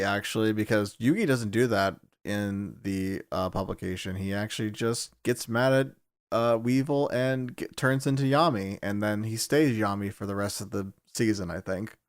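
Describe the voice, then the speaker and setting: A man co-hosting a podcast, chatting casually, laughing often and acting out characters in quick voices. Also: on the low side, no echo, studio quality. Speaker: podcast co-host.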